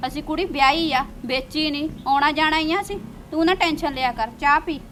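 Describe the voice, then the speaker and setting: A woman's voice: high-pitched, fairly quick, a bit bright, slight background noise. A woman playing a scheming sister-in-law who coaxes sweetly and mutters snide asides. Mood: coaxing. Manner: coaxing and persuasive, snide asides.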